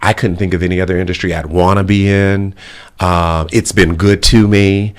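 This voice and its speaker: Chatty man with a lower voice. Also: level tone, normal speed, smooth. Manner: chatty, heavy on "you know" fillers. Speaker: talk show guest. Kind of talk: casual interview conversation.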